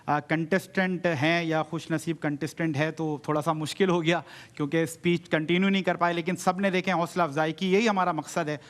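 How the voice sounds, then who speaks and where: A man's voice: a little high, steady tone, few pauses. A man hosting a televised student debate, courteously inviting the judges and adding short affirmations. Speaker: host of a student debate show. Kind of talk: TV program hosting. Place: TV studio.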